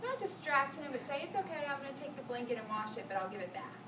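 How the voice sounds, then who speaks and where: With big pitch swings and a quick pace, a young adult student teacher reads aloud and talks plainly with small children in her high voice. The sound is a roomy, distant classroom recording full of background noise.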